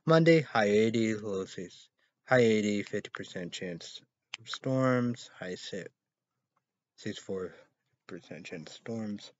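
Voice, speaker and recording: In a small, dim indoor room, an animated man in his thirties with a lowish voice reads weather and news headlines for his rambling solo vlog. He's halting and repetitive, spelling words out and then letting loose with loud exclamations. The audio, from a webcam or laptop mic at arm's length, is dull and lo-fi with no room sound.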